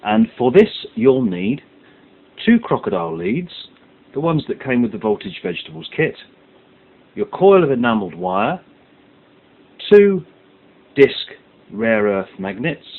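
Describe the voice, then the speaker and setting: A man with a mid-range, sing-song voice leads a hands-on science tutorial, speaking a little slowly and pausing often. He explains each step methodically and stresses the key words. The audio is muffled and lo-fi, with background hiss.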